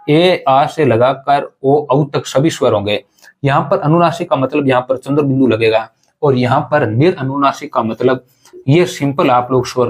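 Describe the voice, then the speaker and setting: A man teaches an exam-prep grammar lesson, explaining step by step, repeating key points and asking his students rhetorical questions. His voice is medium-pitched.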